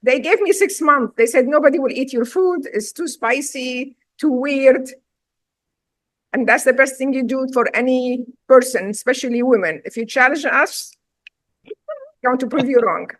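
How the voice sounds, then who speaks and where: A woman's voice: high-pitched, normal speed, no echo. A middle-aged woman from Syria with a Syrian accent, a chef and restaurant owner telling her story in a casual interview, emphatic and direct.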